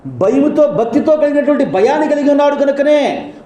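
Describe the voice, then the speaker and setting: Man, pastor, sermon, rhetorical questions, high dark voice. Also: animated, brisk, echoey room. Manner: preaching with rhetorical questions and quoted dialogue.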